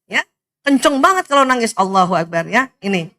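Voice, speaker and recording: Middle-aged indonesian woman giving a religious talk, high bright voice, chatty and laughing a lot. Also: a little fast. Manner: animated, laughs often, addresses audience directly. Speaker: speaker giving an Islamic study talk. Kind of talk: lively religious lecture to women.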